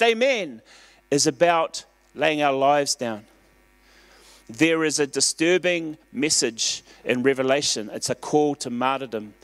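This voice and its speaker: Earnest New pastor preaching. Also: male voice, medium pitch, no echo. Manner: earnest, conversational preaching with fillers and rising emphasis. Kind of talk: sermon. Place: church.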